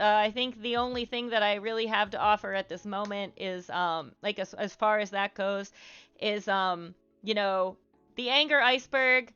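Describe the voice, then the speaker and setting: A young woman with a bright, smooth voice chats candidly on a live stream. She rambles with plenty of "like" and "um", talking openly with her viewers. The audio is dull and lo-fi, with faint music playing underneath. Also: a little high. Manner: rambling, many fillers and "like"s, candid. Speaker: live streamer answering chat. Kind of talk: casual live-stream advice chat.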